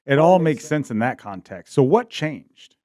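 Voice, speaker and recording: A man's voice: mid-range voice, very animated, a little slow, warm tone, no echo, studio quality. A man co-hosting a podcast, asking leading questions and joking along. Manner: jokey, asks leading questions. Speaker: co-host. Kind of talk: casual podcast chat.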